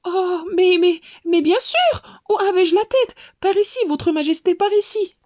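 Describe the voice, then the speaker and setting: A gushing, flustered butterfly watchman, played by a woman, stammering with excitement as his voice shoots high. Close, dry storybook sound. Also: unhurried, no room sound. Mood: excited.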